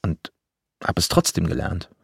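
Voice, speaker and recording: Deep-voiced german guy in his 30s telling his life story, dramatic, dry sound. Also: very animated, vocal fry, husky, no room sound. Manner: measured, vivid dramatic storytelling. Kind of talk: autobiographical story narration.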